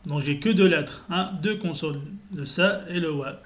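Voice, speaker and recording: A man with a fairly high voice teaches a beginner Arabic lesson, reading syllables slowly and deliberately while frequently clearing his sore throat.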